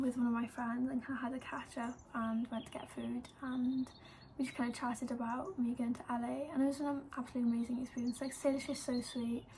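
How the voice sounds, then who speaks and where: An eighteen-year-old woman from Wales, speaking with a Welsh accent, casually tells a story to camera as a vlogger, filling it with "like" and "um." Her voice is a little high and a little mellow, with vocal fry, and the poor audio has slight background noise.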